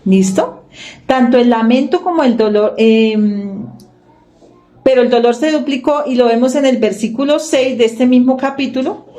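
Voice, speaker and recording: Woman preacher, higher voice with a warm, mellow tone, explains verses patiently and checks that listeners follow. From Colombia. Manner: reads scripture slowly and emphatically. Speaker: congregation teacher. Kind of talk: Bible teaching sermon.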